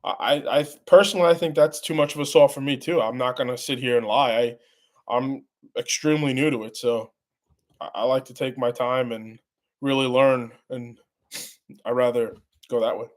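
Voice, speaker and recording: A man hosts a casual live stream with a congested, stuffy voice at an ordinary middle pitch. He rambles in halting bursts and often trips over his own words before starting the sentence again. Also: steady tone. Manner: rambling, halting, many restarts. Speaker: channel host answering live chat.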